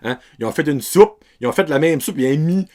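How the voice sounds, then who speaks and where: A young man with a Québécois French accent rambles through a casual film review, sprinkling in English words and loose slang. His pitch swings up and down a lot as he talks, in an unpolished, off-the-cuff way. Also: animated, a little fast, darkish tone. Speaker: podcast host.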